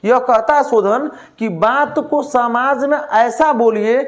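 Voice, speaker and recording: A man's voice: very high voice, takes it slowly. A male teacher, lecturing a class, asking questions and answering them himself, with a joke now and then.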